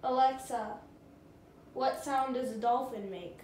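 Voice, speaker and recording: A woman with a high voice gives deliberate voice commands in a casual home video. She speaks slowly and pauses after calling the device. The room adds some echo. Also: darkish tone. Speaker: pet owner questioning a smart speaker. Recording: roomy echo, faint background noise.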